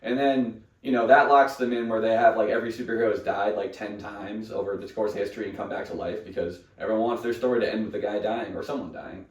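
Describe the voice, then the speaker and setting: A man co-hosting a comedy podcast, riffing and teasing in a deadpan way. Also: on the low side, fast talker, few pauses, muffled recording. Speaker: podcast co-host. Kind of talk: casual comedic chat. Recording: roomy, distant mic.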